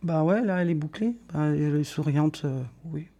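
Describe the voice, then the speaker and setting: A woman's voice: deep voice, normal speed, warm tone, breathy edge. A woman speaking hesitantly in a casual conversation, giving personal memories and directions.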